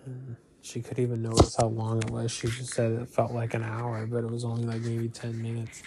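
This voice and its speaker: Gravelly, flat-voiced young man. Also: mid-range voice, brisk, heavy background noise. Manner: hesitant, many fillers and restarts. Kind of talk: personal confessional monologue.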